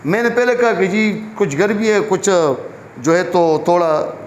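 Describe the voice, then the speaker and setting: A man's voice: sits high, muffled recording. A man teaches a biology class. He asks questions and answers them himself. The room is echoey, with faint ambient noise behind him. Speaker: biology lecturer. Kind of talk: classroom lecture.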